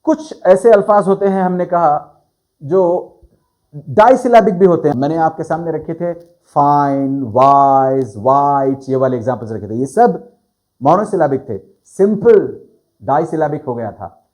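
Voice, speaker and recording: A man teaching a grammar lesson, explaining slowly and stretching and stressing key words. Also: on the high side, darkish tone. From South Asia. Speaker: English teacher.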